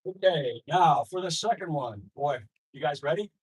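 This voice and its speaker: A man from Rochester, New York, emceeing a member dinner as association president, joking loudly and rallying the room. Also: on the high side, expressive, moderate pace, husky, poor audio. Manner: jokey, loud, rallying a room. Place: banquet hall at a dinner meeting.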